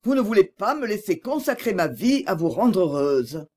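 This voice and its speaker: A woman's voice: medium pitch, very animated, normal speed, darkish tone. A woman reading an audiobook voices a passionate young man who speaks reproachfully. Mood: tender.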